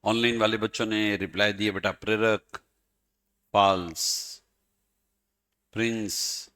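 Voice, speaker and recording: A man's voice: fairly low pitch, steady tone, slow, pushed and bright. A male teacher, lecturing a class in a playful manner and calling on students by name. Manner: playful, addresses students by name, chanting mock examples.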